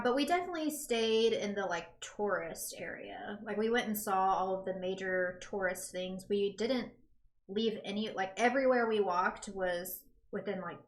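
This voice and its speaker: A woman's voice: mid-range voice, gravelly. A woman with a standard American accent chatting casually as a podcast co-host. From United States. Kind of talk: casual chat. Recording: roomy, echoey indoor sound.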